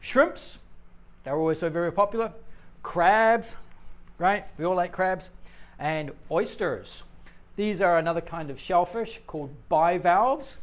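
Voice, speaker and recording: A middle-aged man teaching English on a live stream, chatting playfully with viewers and joking as he explains. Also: high voice.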